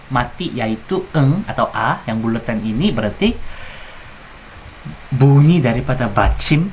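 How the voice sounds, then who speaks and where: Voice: medium pitch, a little hiss or hum, rough recording. A person teaching Korean pronunciation in a casual lesson, spelling out syllables carefully and adding chatty asides. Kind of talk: casual lesson explaining song lyrics.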